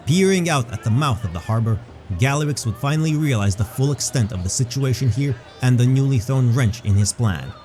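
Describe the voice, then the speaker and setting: Faint music accompanies a man reading scripted fantasy narration. His mid-range voice is mellow and dark, and he describes the scene with a steady storyteller's pace.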